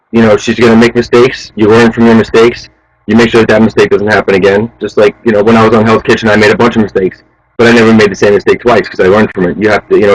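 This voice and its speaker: A man in his thirties, a chef interviewed as a guest, talking casually and urging people on in a fast, animated way. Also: lowish voice, no echo, low-quality recording. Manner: fast, animated, motivational, says "man" a lot.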